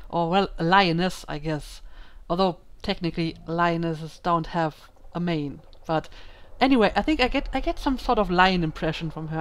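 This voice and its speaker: A woman hosting a casual let's play, musing out loud in a thoughtful, hesitant way with lots of ums, recorded at home. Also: on the low side, clean tone. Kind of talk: casual gaming commentary.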